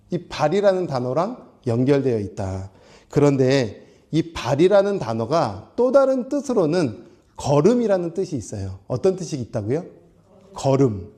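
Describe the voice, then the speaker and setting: A man's voice: a little high, dark tone. A male pastor delivering a Sunday sermon, explaining word meanings step by step and putting questions to the congregation. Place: small church.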